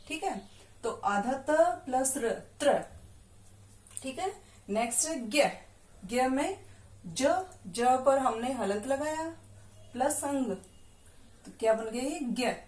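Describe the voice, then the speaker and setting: Slow, patient woman teacher in an echoey room. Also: high-pitched, darkish tone. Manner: patient, stretches out syllables and quizzes the listener. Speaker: primary school teacher. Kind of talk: classroom lesson.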